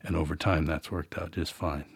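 A man's voice: very deep voice, steady tone, moderate pace, husky, no room sound, studio quality. A middle-aged man, an author and podcast host, reading from his own novel and then rambling in a folksy, self-deprecating way.

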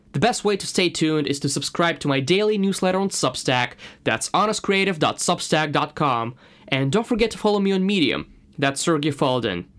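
A man from Russia with a slight Russian accent, introducing his own podcast in an earnest, personal way. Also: a little high. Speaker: podcast host.

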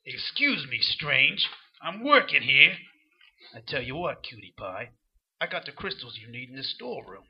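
An actor playing a small, lecherous demon shopkeeper with a gravelly voice and sarcastic wise-guy talk in a comic fantasy audio drama. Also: mid-range voice, sing-song, moderate pace, dull audio, full character voice. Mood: indignant, mocking. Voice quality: raspy, gravelly.

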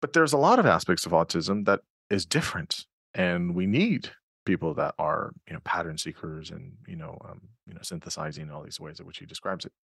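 Male podcast host, low gravelly voice, lively pitch, halting filler-heavy phrasing. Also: no echo, clean studio sound. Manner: thinks aloud with many fillers and restarts. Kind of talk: conversational interview.

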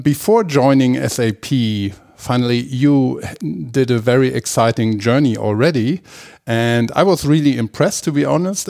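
A man hosts an interview over a video call. His voice is mid-pitched with a gravelly edge, and he speaks in a friendly, slightly formal way with small hesitations. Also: a little mellow. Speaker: host. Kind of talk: interview hosting.

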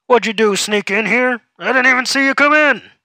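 A man voicing an overly chummy, pushy male office supervisor who talks loudly and patronizingly. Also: fairly high pitch, brisk, no room sound. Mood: overbearing. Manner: loud, overexcited, patronizing.

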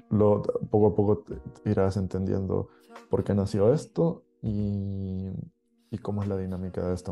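Salvadoran man, low gravelly voice, casual podcast talk, faint music behind. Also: warm tone. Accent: Salvadoran Spanish. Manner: conversational, chuckling, many fillers. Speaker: podcast host. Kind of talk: relaxed solo podcast monologue.

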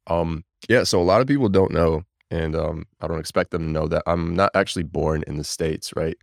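A young man from Bulgaria, whose first language is Bulgarian, chats as a podcast guest in a low, deep voice. He rambles easily and leans on fillers. The sound is close and dry. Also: a little fast, gravelly, no room sound. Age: 20s. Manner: relaxed, rambling, many fillers. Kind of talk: casual podcast interview.

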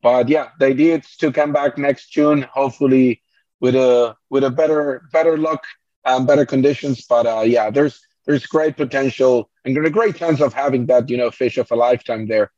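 A young man from Argentina answers questions in relaxed, measured speech, filling gaps with "uh" and "you know". His audio is a little dull and lo-fi. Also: medium pitch. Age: young adult. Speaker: guest angler. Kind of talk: casual interview chat. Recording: slightly dull lo-fi sound.

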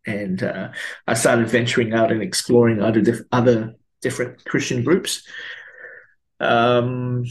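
A man's voice: mid-range voice, little pitch movement, unhurried. A man in his thirties from Malaysia, a priest, telling his life story in an interview with many fillers and restarts.

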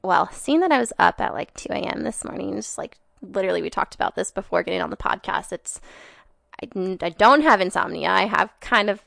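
Young woman in her twenties, casual podcast chat, fry in her voice, dry close sound, fast filler-packed talk with casual swearing. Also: mid-range voice, no room sound. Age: 20s. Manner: chatty and animated, heavy on "like", swears casually. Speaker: podcast guest.

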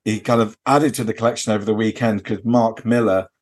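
Speaking a little fast, with a fairly low pitch and fairly even intonation, a man co-hosting a podcast casually recounts a convention visit off the record. His delivery is hesitant and rambling, packed with "you know" and "kind of."

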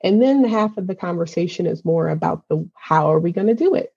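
Husky, mellow-voiced woman explaining work. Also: lowish voice, fairly quick, no room sound, highs cut off. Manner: animated, acts out team voices in quotes. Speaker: guest, program manager. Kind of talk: casual podcast explanation.

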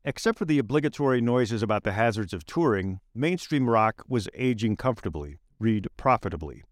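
A man reading aloud his own essay in a measured, wry narration with slowed emphatic phrases. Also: lowish voice, lively intonation, dry recording, clean studio sound.

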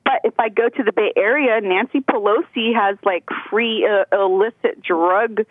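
Her mid-range voice moving at normal speed, a woman from California phones in to a show and rambles cheerfully, giggling as she chats. The call sounds tinny and dry over the phone line.

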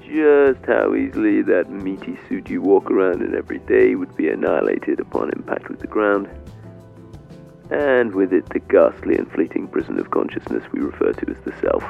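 A man playing a bitter, heartbroken airline captain on the intercom, calm and matter-of-fact, with a low, deeply gravelly voice that swoops widely in pitch. The sound is thin and tinny like a cabin speaker, and faint music plays underneath. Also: normal speed, heavily acted. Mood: deadpan. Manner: calm, matter-of-fact, polite announcer's phrasing. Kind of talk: comic in-flight announcement.

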